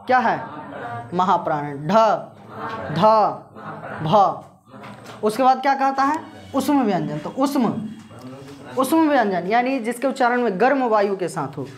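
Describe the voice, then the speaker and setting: A woman teacher giving a grammar lesson, asking questions and answering them herself while she repeats the key terms. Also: a little high.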